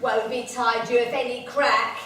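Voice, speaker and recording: Shrill camp pantomime wicked stepmother, very echoey. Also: level tone, measured pace, a bit bright. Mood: spiteful scolding. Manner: camp, theatrical scolding. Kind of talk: rhyming stage pantomime performance. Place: stage in a large echoey venue. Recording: echoey noisy hall, distant mic.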